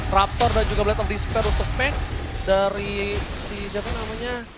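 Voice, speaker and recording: A man's voice: sits high, level tone, normal speed. A man with an Indonesian accent giving live play-by-play commentary on a mobile esports match. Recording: music under the voice.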